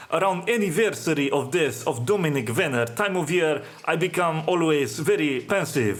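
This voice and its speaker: Halting, sardonic male monologue host. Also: on the high side. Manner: halting, many "uh" fillers, drops articles; sardonic, pronouncing. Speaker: podcast host. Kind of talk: solo monologue commentary.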